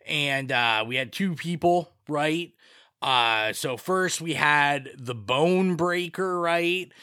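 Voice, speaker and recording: Chatty bright-voiced man on a podcast. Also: on the high side, clean tone, dry recording, clean studio sound. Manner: rambling with many fillers and restarts. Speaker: podcast co-host reading listener responses. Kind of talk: casual podcast chat.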